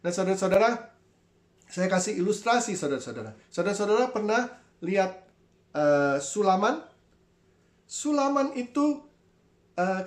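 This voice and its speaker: A pastor giving an online sermon in an animated way, often addressing listeners as brothers and sisters and acting out voices. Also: mid-range voice, roomy sound. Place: church.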